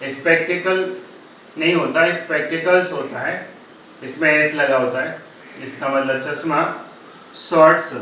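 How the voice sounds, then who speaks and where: A man teaching English grammar in a recorded lesson, explaining slowly in Hindi and spelling example words out letter by letter. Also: on the high side, bright, forceful tone, distant mic. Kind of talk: recorded classroom-style lesson. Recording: echoey room, voice from off-mic, faint ambient noise.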